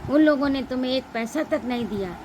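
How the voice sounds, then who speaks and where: A woman's voice: sits high, fairly quick, slight background noise, lightly acted, poor audio. A woman reading aloud as a stingy, scolding male employer in a one-act play. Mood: stern. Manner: stern, accusing, shouting in anger.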